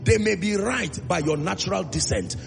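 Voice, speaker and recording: A man's voice: high voice, animated, vocal fry. A Nigerian man preaching a sermon, emphatic, calling out to the congregation and drawing out key phrases. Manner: emphatic, call-and-response, drawn-out phrases. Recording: reverberant hall with music.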